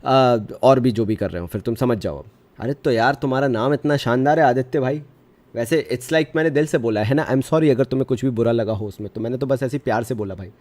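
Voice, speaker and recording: A young man teaching a live online commerce class, switching easily between Hindi and English. He speaks in a friendly, reassuring way, answering his students' chat questions and calling them brother. His voice sits at an ordinary middle pitch. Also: fairly quick, a little mellow. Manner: mixes Hindi with English phrases.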